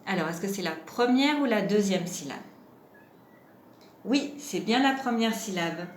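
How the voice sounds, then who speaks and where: A woman gives a gentle preschool lesson at a slow, patient pace, pausing to ask the child questions and drawing out each syllable. Her voice sits in the middle of the usual range. The recording sounds roomy, with a faint hum of ambience behind her. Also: medium pitch, expressive. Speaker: preschool teacher. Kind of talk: home-schooling lesson for young children.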